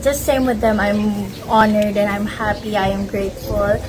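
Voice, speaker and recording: An eighteen-year-old woman with a Filipino accent, a podium girl guest, talking eagerly with halting fillers. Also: mid-range voice, flat delivery, noisy background. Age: late teens.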